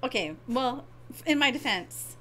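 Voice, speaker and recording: A middle-aged woman co-hosting a podcast with her daughter, chatty and self-deprecating with quick asides. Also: high-pitched, animated, sharp tone, a little hiss or hum, low-quality recording. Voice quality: hard of hearing. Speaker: co-host, mother. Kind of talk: casual podcast chat.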